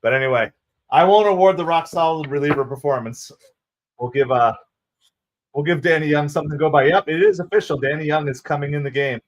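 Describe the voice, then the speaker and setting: A man from New Jersey with a Jersey accent, hosting a live fan stream with chatty play-by-play and shout-outs to viewers. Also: a little high, brisk. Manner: excitable, chatty, thanks viewers by name. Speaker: livestream host. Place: home streaming setup with green screen.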